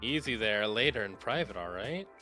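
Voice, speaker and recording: A man voicing a manipulative young male guitarist who talks in a low, soothing, controlling way. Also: animated, normal speed, pushed and bright, soft background music. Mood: soothing, sly.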